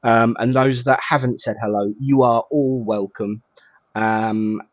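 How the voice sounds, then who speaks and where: Greeting guests and viewers informally, an Estuary-accented man from southern England hosts an online spiritual service with colloquial jokes. He speaks a little slowly in a mid-range, fairly even voice, and the recording is muffled though echo-free.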